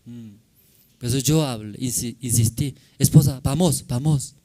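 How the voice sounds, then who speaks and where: A man's voice: medium pitch, measured pace. A male pastor with a Korean accent, a native Korean speaker, telling a personal story in a sermon in simple broken Spanish, often checking in with tag questions. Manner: animated, acts out shouting in the story.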